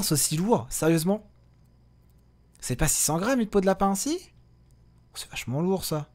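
A man giving casual let's-play commentary as a gaming video host, chatty and often correcting himself as he talks to viewers and his in-game companions. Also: medium pitch. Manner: drops to a hushed voice while sneaking.

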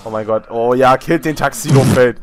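A young man chatting casually while gaming, loud and excitable, often shouting and swearing. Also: medium pitch, normal speed, faint music behind. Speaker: gamer, channel host.

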